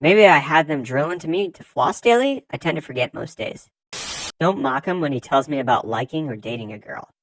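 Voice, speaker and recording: A narrator reading forum posts aloud in scripted narration, with lively swings in pitch and loudness. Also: brisk, slight background noise, low-quality recording.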